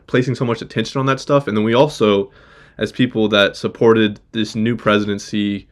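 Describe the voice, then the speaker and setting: A man's voice: lowish voice, a bit bright. A man chatting informally, hedging and thinking aloud as he gives his opinions. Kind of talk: casual political chat.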